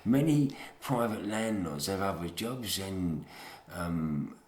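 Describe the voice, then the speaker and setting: A man's voice: low voice, expressive, slow, darkish tone. A British man giving a matey, opinionated, unscripted monologue, recorded on a dictaphone at home. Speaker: solo recorder of a spoken commentary. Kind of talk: rambling informal monologue. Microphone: handheld dictaphone. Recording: roomy dictaphone recording with faint noise.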